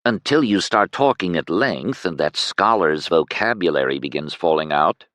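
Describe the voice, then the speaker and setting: A dry, teasing spirit with a sly edge in her remarks, voiced by a man narrating a fantasy audiobook. The voice stays low and close, in a dry studio sound. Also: lively intonation, normal speed, a bit bright, no echo. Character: wry, teasing female spirit voice.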